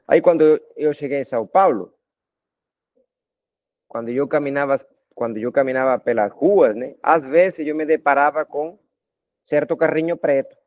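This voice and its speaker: A man's voice: on the high side, moderate pace. Colombian man lecturing students, lo-fi. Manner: talkative, addresses students informally with frequent tag questions. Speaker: math lecturer. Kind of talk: recorded video lecture. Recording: dull lo-fi dry sound.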